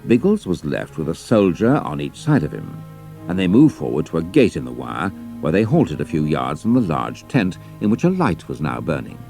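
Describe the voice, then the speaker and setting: A man narrating an adventure story in a measured, dramatic storytelling manner. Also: very deep voice, wildly swooping pitch, vocal fry, mellow, soft background music. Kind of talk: scripted audiobook narration.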